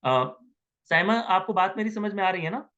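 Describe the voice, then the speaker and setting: A man's voice: sits high, expressive, moderate pace, sharp tone, muffled recording. A man teaching Arabic grammar in an online class, patiently repeating words and asking students questions.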